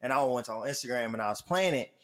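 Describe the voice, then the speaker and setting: A man chatting casually, telling stories with slang and acting out what people said in lively voices. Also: mid-range voice, quick pace. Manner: animated storytelling, slangy, acts out quotes. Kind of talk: casual chat.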